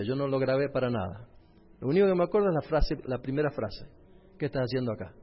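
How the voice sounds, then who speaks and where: A man's voice: fairly high pitch, slightly rough. A middle-aged male pastor, telling a personal testimony in a sermon and speaking straight to his audience. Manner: storytelling, addresses the audience directly. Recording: reverberant hall, dull lo-fi sound.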